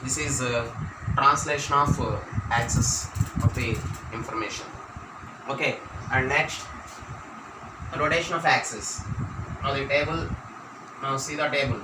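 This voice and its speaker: A man with an Indian accent gives a classroom maths lecture, dictating points and saying phrases over again. His voice sits at some distance from the microphone in a roomy, echoing space. There is clear background noise throughout. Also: mid-range voice, steady tone, measured pace, long pauses. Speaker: mathematics teacher. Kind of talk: classroom lecture for exam students. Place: echoey room, teaching at a board.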